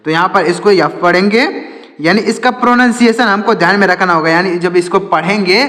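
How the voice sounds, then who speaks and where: A man with a high voice gives a slow, patient lesson, asking a question and then answering it himself. The sound is roomy, with a long reverb trailing each phrase. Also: sharp tone. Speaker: English teacher. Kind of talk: step-by-step lesson. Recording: echoey room with long reverb.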